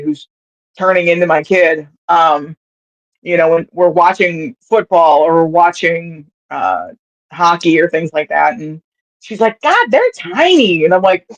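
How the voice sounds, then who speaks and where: A podcast co-host telling a story in casual sports chat, rambling with fillers and restarts. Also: mid-range voice. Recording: dull, slightly lo-fi audio.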